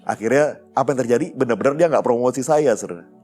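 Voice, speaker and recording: A man's voice: mid-range voice, quick pace, warm tone, faint music behind. A male pastor, telling a personal story in a conversational sermon and often turning to address his listeners.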